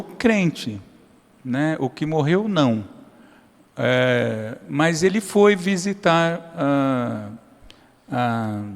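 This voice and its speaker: A pastor preaching a sermon in a high voice. He moves between loud, raised emphasis and low, hushed asides, and slips into short, familiar prayers. His voice rings with the long reverb of a church hall.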